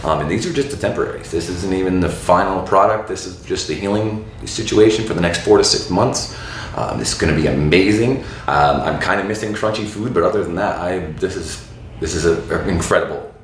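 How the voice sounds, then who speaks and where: A man's voice: deep voice, a little fast. A man in his thirties from Florida talking casually and frankly to camera as a dental patient, with lots of fillers. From Florida, USA. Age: 30s. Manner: relaxed, frank, many fillers and um's. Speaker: dental patient giving a testimonial. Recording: very echoey room with faint background noise.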